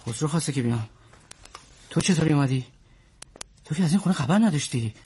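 A man's voice: fairly high pitch, animated, a little mellow, slightly rough. An actor playing a young man who argues defiantly while held at gunpoint. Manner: defiant, pleading, argumentative. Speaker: tenant's husband. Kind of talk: television drama acting.

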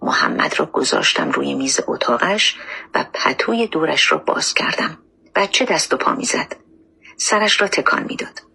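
A woman reading a first-person memoir audiobook in a soft, often hushed and emotional voice. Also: low-pitched, wildly swooping pitch, creaky, breathy edge. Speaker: audiobook narrator.

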